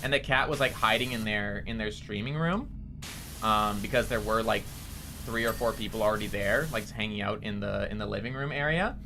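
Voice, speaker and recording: A young streamer with a nasally voice rambles casually to his chat while playing a game, answering viewers in a chatty way. His voice is lowish and a little fast, with background noise.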